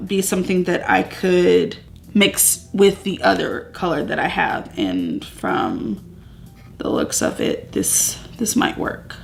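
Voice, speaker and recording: A chatty woman in her thirties hosts a relaxed beauty vlog from her home. She talks in an upbeat, rambling way, leaning on filler words as she goes. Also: on the low side, takes it slowly, gravelly, slight background noise. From Southern US. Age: 30s. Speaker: beauty vlogger. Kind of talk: casual chatty get-ready-with-me vlog. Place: at home among moving boxes.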